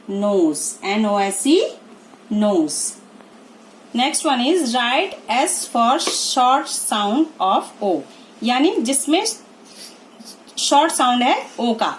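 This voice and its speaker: A woman teaching a phonics lesson to young children. She slowly spells each word out letter by letter and then gives its meaning. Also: fairly high pitch. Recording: echoey room with faint noise.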